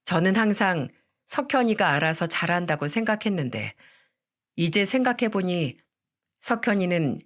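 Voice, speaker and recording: Older woman telling a story calmly. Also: lowish voice, normal speed. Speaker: narrator. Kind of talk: storytelling radio reading.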